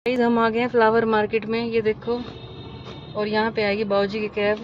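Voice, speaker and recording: A woman's voice: fairly high pitch, little pitch movement, normal speed. A woman, chatting to viewers directly in a casual family vlog. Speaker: vlogger. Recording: slightly dull phone audio with faint noise.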